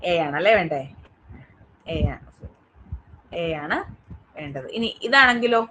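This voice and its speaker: A woman's voice: fairly low pitch, animated, takes it slowly, pushed and bright, lo-fi sound, slight background noise. A woman teaching an online English class with a Malayali accent, asking her students question after question to check they follow. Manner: asks the class many quiz questions, checking understanding.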